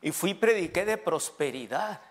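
A Mexican-accented pastor in his forties preaches in a joking, storytelling way. His voice sits a little high for a man. He teases his listeners as he goes. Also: expressive, normal speed. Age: 40s. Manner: humorous storytelling, joking with the congregation. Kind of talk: sermon.

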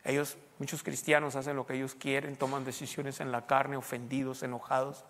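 A man's voice: mid-range voice, completely flat delivery, brisk, a bit bright. A man preaching a sermon in a conversational way, asking his listeners question after question. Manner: conversational preaching, rhetorical questions, occasional English phrases. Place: U.S. Southwest. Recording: long reverb in a hall.

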